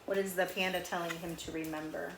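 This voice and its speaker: This read-aloud storyteller has a lowish, gravelly voice with little pitch movement, and she moves briskly. She shares a picture book with children in a chatty manner, explaining words and pictures and asking questions. The recording carries a roomy echo and faint background noise.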